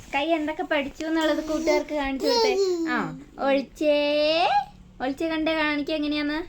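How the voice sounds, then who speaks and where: A Malayali-accented mother with a toothache makes a family vlog, coaxing and teasing her baby in baby talk while chatting to viewers. Her high voice is rapid-fire and fairly even in intonation, over a noisy background.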